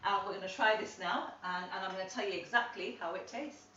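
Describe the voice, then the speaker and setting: A woman's voice: medium pitch, fairly quick, sharp tone, a little hiss or hum. A woman hosting a cooking channel, chatting casually and encouragingly as she demonstrates a recipe in her home kitchen. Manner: chatty and encouraging, addresses viewers as guys. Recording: roomy, off-mic, slightly dull sound.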